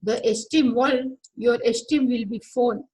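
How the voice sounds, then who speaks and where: A woman's voice: on the high side, a little slow, dark tone, rough recording. A woman spiritual teacher giving a scripture lecture, patiently explaining and glossing Sanskrit terms as she retells an old story.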